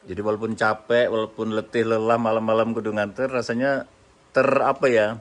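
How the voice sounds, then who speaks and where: A man interviewing a host casually, responding attentively with soft affirmations. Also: fairly low pitch, level tone, fairly quick. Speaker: visiting interviewer. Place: home visit, indoors. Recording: clear background noise.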